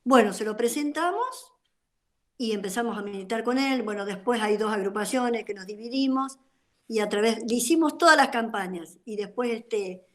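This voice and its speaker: An older Argentine woman tells her story over a video call. She rambles and fills her pauses with many hesitations. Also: on the high side, expressive, a bit bright. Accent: Argentine Spanish. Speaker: guest speaker, former activist. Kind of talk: testimony in an online political talk.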